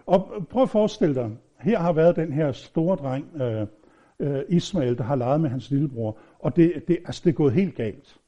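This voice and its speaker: Preacher, male, fairly high and very mellow voice, chatty and halting, dull lo-fi recording. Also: expressive. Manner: informal, halting, with frequent fillers and restarts; humorous personal anecdotes. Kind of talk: conversational sermon.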